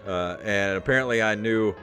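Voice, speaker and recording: A middle-aged man hosts a comedic podcast, his lowish voice moving at a moderate pace with a pushed, bright quality. He chats casually and reads aloud, rambling, swearing, and sounding mildly exasperated. Royalty-free synthesizer music plays beneath him.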